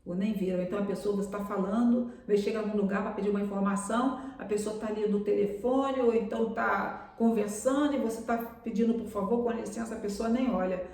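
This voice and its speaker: A woman's voice: mid-range voice, brisk, few pauses, far from the mic. Woman preaching in an echoey room. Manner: warm pastoral address, calls listeners "amados". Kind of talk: sermon on a live stream.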